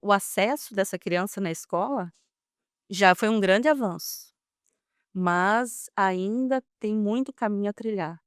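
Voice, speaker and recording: A woman's voice: medium pitch, a little slow, smooth, dry recording, clean studio sound. A woman guest speaking earnestly and emphatically about inclusion in an interview. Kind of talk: interview answers.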